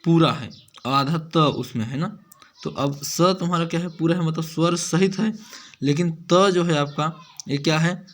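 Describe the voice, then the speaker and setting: A man's voice: fairly high pitch, unhurried, a bit bright. A man teaching grammar in a video lesson. He asks the learners questions, answers them himself, and often adds checking tags.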